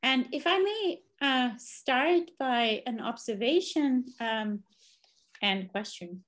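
A woman moderates an online panel from her office over a video call. Her voice sits a little high, and she speaks slowly, pausing to frame each thought before she asks her question. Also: animated, a bit bright. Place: office with bookshelves.

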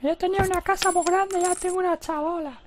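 A man voicing a complaining woman sim in a video game, in a high, self-pitying wail. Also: fairly even intonation, fast, slight background noise. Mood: lamenting.

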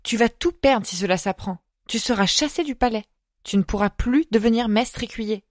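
A woman voicing a spirited young girl who works in the stables, pleading and scolding in quick bursts. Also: mid-range voice, a little mellow, no echo, clean studio sound, close to an everyday voice.

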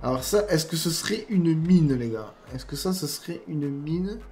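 Soft background music plays as a man with a non-standard French accent reviews game mods over gameplay. His fairly high, darkish voice is animated at a moderate pace, and he's chatty, full of fillers, and addresses his viewers as "guys."

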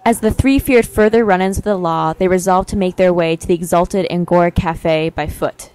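A young woman narrating a mock-epic tale in a wry, deadpan storytelling manner. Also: lowish voice, normal speed, clean tone, low-quality recording. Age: young adult.

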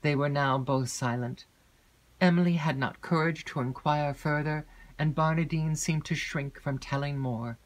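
A woman narrating a classic gothic novel as an audiobook, in a measured, even storytelling manner. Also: deep voice.

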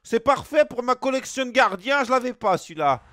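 A man's voice: extremely high pitch, expressive, brisk, fairly bright tone, no echo. A Belgian man with a Belgian French accent, streaming live as he opens packs, greeting chat viewers and swearing casually.

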